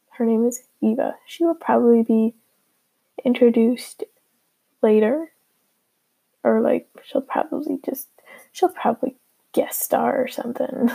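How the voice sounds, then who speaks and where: Creaky teenage girl on a low-quality earbud mic. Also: dark tone. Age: teenager, fifteen. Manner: informal, hesitant, heavy filler "like". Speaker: beginner podcast host. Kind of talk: casual rambling solo podcast chat. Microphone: earbud microphone.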